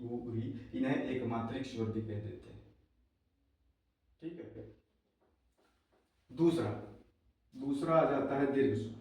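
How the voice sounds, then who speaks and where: A man's voice: mid-range voice, warm tone. Echoey male teacher, repeating for notes. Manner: repeats phrases, tells students to note it down. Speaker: Hindi teacher. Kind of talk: classroom lecture for exam prep. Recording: echoey room, voice from a distance.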